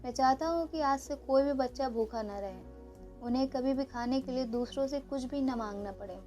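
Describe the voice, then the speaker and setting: A woman's voice: sits high, normal speed, warm tone, soft background music, natural voice. A woman playing a firm, clever sultan. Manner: commanding, decisive. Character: clever sultan, once poor, firm and resolute.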